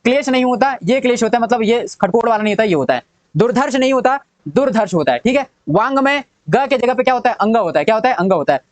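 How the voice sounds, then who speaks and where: A man's voice: very high voice, lively intonation, fast talker, no room sound. A young adult man teaching an exam-prep spelling lesson, repeating each word and quizzing what it turns into. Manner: drilling, repeats each word and asks "what does it become".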